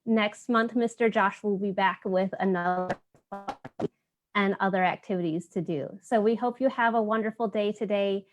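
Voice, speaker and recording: Hosting a community storytime program, a woman presents casually to online viewers, speaking straight to them in an encouraging way. Her mid-range voice holds a steady tone at normal speed, with soft music playing in the background.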